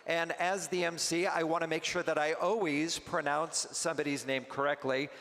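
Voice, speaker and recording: A man serving as emcee at a luncheon, making chatty, unhurried announcements with some halting restarts. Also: a little high, steady tone, fairly bright tone. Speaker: event emcee. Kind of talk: event hosting announcements. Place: luncheon banquet hall. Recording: long hall reverb, faint noise.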